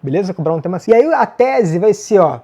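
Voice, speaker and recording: A man with a Brazilian Portuguese accent, giving a casual online essay-writing lesson. He is brisk and self-mocking, and he talks straight to his students. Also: high-pitched, expressive, mellow, muffled recording.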